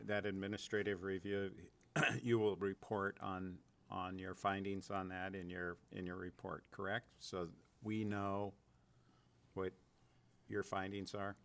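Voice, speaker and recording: A man on a city council asking questions at a work session, deliberate and rambling, repeating words as he goes. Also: low voice, flat delivery, creaky, a bit bright, clear, resonant tone. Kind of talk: council meeting discussion.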